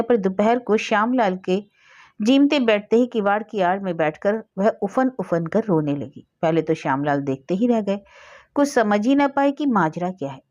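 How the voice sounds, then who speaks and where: A woman's voice: medium pitch, dull audio. Woman narrating a story dramatically. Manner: expressive, dramatic reading.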